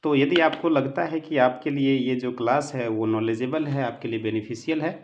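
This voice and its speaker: A man's voice: mid-range voice, moderate pace, highs cut off. A man teaching an online lesson, earnest and fatherly, who keeps calling his students children and mixes English words into Hindi. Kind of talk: online lecture with a moral talk.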